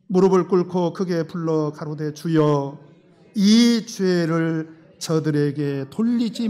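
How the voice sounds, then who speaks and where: A male pastor delivers a sermon in a high voice. He is emphatic and swings between loud and soft. He often poses rhetorical questions and leads the congregation in reading.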